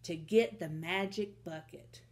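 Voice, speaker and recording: A woman voicing a plucky young cowgirl who speaks in a bright, eager, raised voice. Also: fairly low pitch, measured pace.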